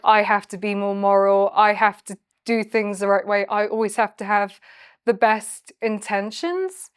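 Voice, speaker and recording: A woman's voice: mid-range voice, clear, resonant tone, no echo, clean studio sound. A woman speaking in a reflective documentary interview, thinking things through with hesitations and restarts. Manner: thoughtful, hesitant, self-searching. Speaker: interviewee and docuseries assistant.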